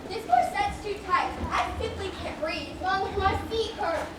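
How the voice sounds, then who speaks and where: A woman plays a whiny stepsister in a children's stage musical. Her very high voice sounds strained and breathless, as if laced into a tight corset. It is caught from far off in an echoing, noisy theatre. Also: normal speed. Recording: distant echoey theatre stage with noise.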